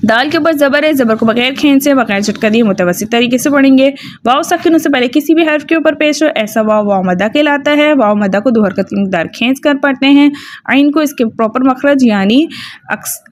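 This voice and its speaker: A woman's voice: fairly high pitch, slight background noise. A woman teaching Quran recitation rules step by step, often checking in with her listeners. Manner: explains rules step by step, often asks "ठीक है?". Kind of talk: tajweed lesson with recited examples.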